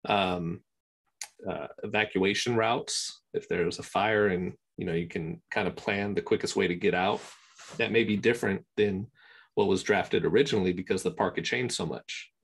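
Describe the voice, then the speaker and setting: A man, a guest on a video call interview, talking in a relaxed, rambling way with many fillers. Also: low voice, moderate pace, vocal fry, slightly rough. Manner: relaxed, rambling, many ums and you knows. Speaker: interview guest, scanning service provider. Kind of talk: casual conversation.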